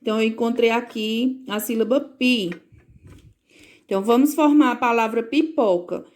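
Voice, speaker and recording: Patient teacher woman, slightly high voice. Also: moderate pace, darkish tone. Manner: patient, checks in with "certo?" and "né?". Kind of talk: recorded home lesson for parents.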